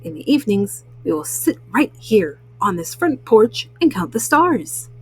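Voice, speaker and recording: A woman's voice: mid-range voice, big pitch swings, unhurried, husky, rough recording. A woman voicing a cheerful, eager male frog in a storybook, coaxing and earnest.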